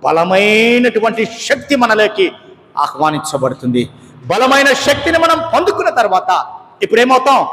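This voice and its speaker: Pastor, male, fervent sermon with rhetorical questions, higher voice, echoey church hall. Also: slight background noise. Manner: preaching with rhetorical questions, swinging between raised and hushed delivery.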